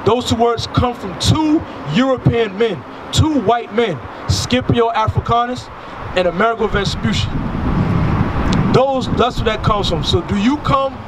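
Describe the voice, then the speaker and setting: With a very high voice and a slightly slow pace, a man in his thirties preaches by a street through a handheld microphone. Cars pass in the outdoor traffic noise while he presses his points emphatically with rhetorical questions.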